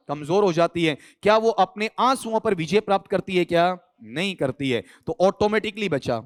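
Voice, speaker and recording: A male English teacher from India going through an exam answer key, quizzing students with constant questions and spelling words letter by letter. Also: high voice.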